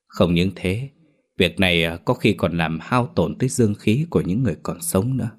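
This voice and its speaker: A smug old village shaman in a ghost story, pompous and drawling, pausing on little ums as he pronounces doom, put on by a male narrator. His voice sits very low and deep. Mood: grave. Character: sly self-important old male shaman. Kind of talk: storybook character voice.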